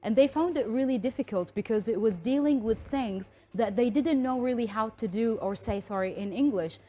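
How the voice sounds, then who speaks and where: A woman's voice: fairly high pitch, moderate pace, dark tone. Woman explaining as interview guest. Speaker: interview guest, academic translation expert.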